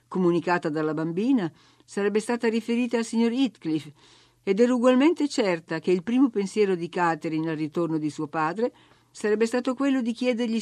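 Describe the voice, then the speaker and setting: A woman narrating a novel in a measured, even reading. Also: medium pitch, dry recording, studio quality. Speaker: audiobook narrator. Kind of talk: scripted literary narration.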